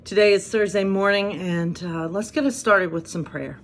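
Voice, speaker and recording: A woman's voice: medium pitch, moderate pace, slight background noise. A woman pastor in her thirties, who talks in a chatty, self-deprecating way with light humor, moving between casual devotional talk and reading aloud. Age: 30s.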